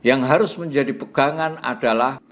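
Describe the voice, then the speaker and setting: A man reading a lecture on preaching rhetoric in a measured way, lifting his voice at each new point and dropping it at the end. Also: mid-range voice. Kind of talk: read-aloud lecture.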